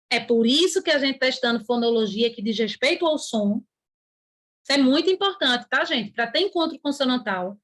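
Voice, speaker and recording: A woman with a high voice gives an online grammar lesson. She explains patiently and stretches the words she wants to stress, now and then voicing a student's question herself. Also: a bit bright. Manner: writes on a board while talking. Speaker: teacher.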